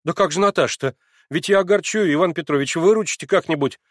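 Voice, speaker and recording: A man's voice: a little high, fast, no room sound, studio quality, voice pushed up, natural voice. A man reading a novel aloud, voicing an eager, impulsive young man in love who gushes and pleads. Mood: pleading. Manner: breathless, gushing, pleading. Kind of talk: audiobook character voice.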